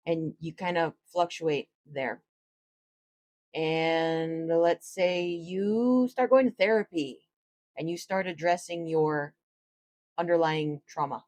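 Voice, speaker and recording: Speaking to camera in a casual, reflective way, a tarot reader with a low voice gently explains spiritual ideas.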